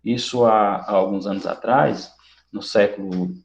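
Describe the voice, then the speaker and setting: A man teaches a recorded lesson at an everyday pitch, his voice carrying a gravelly fry. He explains step by step and keeps checking that his students follow. The sound is roomy and somewhat dull, like a laptop mic in an echoing room. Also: unhurried.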